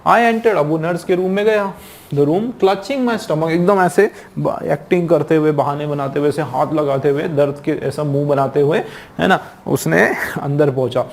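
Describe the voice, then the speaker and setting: A male teacher giving an exam-prep lecture. He reads English lines slowly, then explains them in lively Hindi and acts out the story with exclamations. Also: on the high side.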